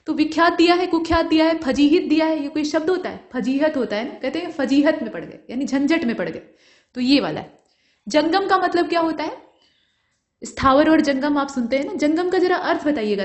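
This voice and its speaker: High-voiced woman teaching in an echoey room. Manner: patient, explanatory, asks the class rhetorical questions. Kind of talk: exam-prep grammar lesson.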